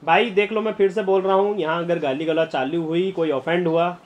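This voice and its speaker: A young man streaming a game live, chatting to viewers and breaking into excited shouts and laughter. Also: sits high, fairly quick, lo-fi sound. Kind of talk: live gameplay commentary.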